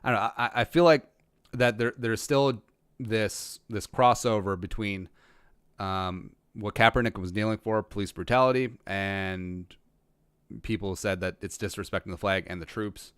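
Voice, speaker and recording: Answering live chat on his casual stream, this rural Minnesota podcast host rambles, frequently restarts his thoughts and jokes in a dry, self-aware way. He talks at a normal speed in a fairly low, smooth, slightly bright voice with fairly even intonation and no room sound.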